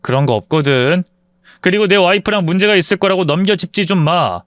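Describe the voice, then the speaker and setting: Male reader doing a curt young husband, high, dry close read. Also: fairly quick, fairly bright tone, dry recording. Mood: irritated. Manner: snappish, impatient. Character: irritable young married son, curt.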